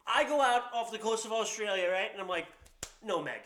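A man in his twenties co-hosting a casual podcast, telling stories and acting out scenes in loud bursts. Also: high voice, quick pace, very noisy. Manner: animated storyteller, acts out scenes in loud bursts. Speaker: podcast co-host. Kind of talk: casual chat.

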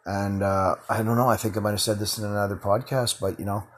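A man's voice: lowish voice, flat delivery, quick pace, a bit bright, slight background noise. A man hosting his own podcast in a rambling solo monologue, swearing constantly and chuckling between filler words. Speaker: podcast host.

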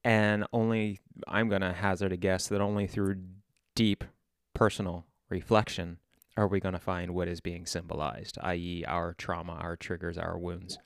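A man hosting a casual chat, speaking in a measured and reflective way. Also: low-pitched, level tone.

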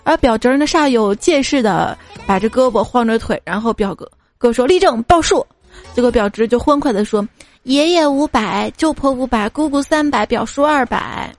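Giggly woman host reading listener anecdotes; fairly high voice, slips into squeaky child voices, soft music bed underneath. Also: moderate pace. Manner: giggly, frequently breaks into laughter; acts out children's lines in a squeaky voice. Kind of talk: reading funny listener stories.

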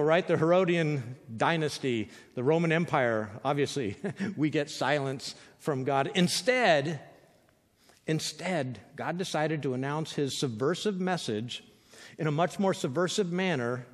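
A man preaching a sermon on scripture in a conversational way, often asking "right?" and dropping to a quiet voice for emphasis. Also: fairly high pitch. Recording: long hall reverb.

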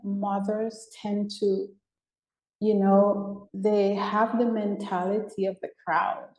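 A Jamaican-born woman who mentors women speaks earnestly as a guest in a conversational interview, repeating herself and using fillers like "you know." Her medium-pitched voice is flat, slow and darkish in tone. The recording is reverberant and low in quality.

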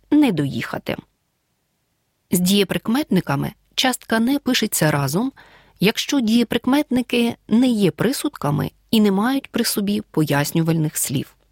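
A woman teacher from Ukraine reads a scripted audio lesson in a dry, close recording. Her pitch is mid-range but moves a great deal. She dictates the example words clearly and deliberately. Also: a little mellow, dry recording.

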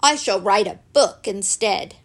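A gentle storybook teddy bear, played by a woman, polite and quietly pleased with himself. He talks in a slow, measured way with a creaky edge. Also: medium pitch, lively intonation. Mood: forgiving, content.

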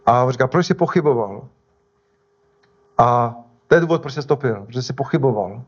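A man's voice: medium pitch, husky, highs cut off. A male pastor preaching a sermon in a conversational way, often stopping to restart and correct himself.

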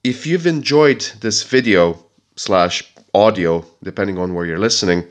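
Podcast host, male, lowish voice, nasal and stuffed up from a cold, measured scripted history narration. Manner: measured, reads with occasional fillers and restarts. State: has a heavy cold.

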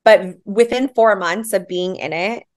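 A woman in her thirties, guest on a podcast, talking in a chatty, animated way with lots of fillers and frequent laughs. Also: medium pitch, measured pace. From Hawaii, raised later in Arizona. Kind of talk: casual conversational interview.

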